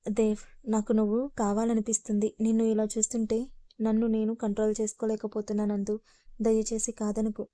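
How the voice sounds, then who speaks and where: A woman's voice: mid-range voice, completely flat delivery, fairly quick, mellow, no echo, clean studio sound, close to an everyday voice. A woman voicing a pushy, insistent young man in a storybook reading, in a coaxing, pressing way.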